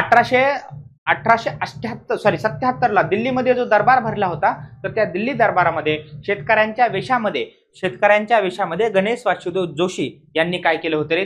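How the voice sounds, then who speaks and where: A high-pitched man teaches an exam revision class in a didactic style, posing questions, answering them himself and repeating key words.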